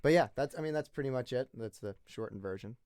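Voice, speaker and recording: A singer-songwriter in his twenties from the northeastern United States tells his story during a casual interview chat, rambling with many restarts. He talks fast in a medium-pitched, darkish, clean voice, recorded dry with clean studio sound.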